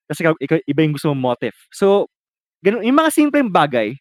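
A man with a Filipino accent co-hosting a casual podcast, talking straight to listeners and often dropping into a low mutter. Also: wildly swooping pitch, quick pace, no echo. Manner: chatty, addresses listeners as guys, drops to a low mutter. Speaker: podcast co-host. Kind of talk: casual chat.

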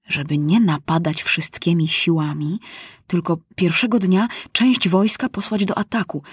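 A woman narrating a children's storybook aloud, animated and acting out the characters. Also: lowish voice, unhurried, breathy edge, no echo, clean studio sound.

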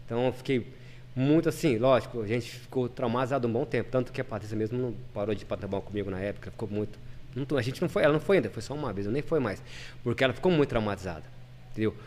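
A man speaks as a podcast guest, rattling off his story at a quick clip. His voice sits in an ordinary middle pitch, and he talks earnestly, stumbling and restarting as he goes. He comes across as a lay preacher chatting casually. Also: darkish tone, a little hiss or hum. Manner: earnest, fast, with many repeats and restarts.

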